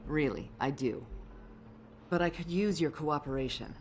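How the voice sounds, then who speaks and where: A woman's voice: low voice, moderate pace, darkish tone, slight background noise, lightly acted. An actress playing a weary, placating female police detective in a video game, coaxing yet firm.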